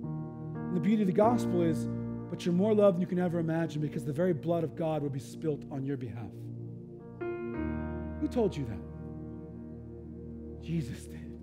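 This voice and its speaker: A pastor preaching a sermon with emphatic swings between loud outbursts and hushed stretches. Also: male voice, on the high side, a little fast, long pauses, over loud music.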